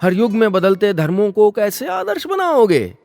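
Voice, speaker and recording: A man's voice: big pitch swings, normal speed, vocal fry, a little mellow, faint music behind, exaggerated voice. A man voicing a pompous male job interviewer who lectures and mocks, slipping into English phrases. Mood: mock outrage. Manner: lecturing, mixes English phrases, swings pitch for effect.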